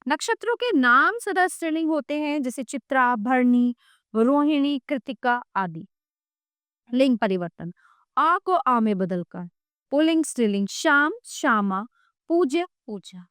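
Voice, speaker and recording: A woman reading a textbook grammar lesson aloud, slowly listing example words one at a time with clear pauses. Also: high voice, lively intonation, fairly bright tone, no room sound, studio quality. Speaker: grammar teacher.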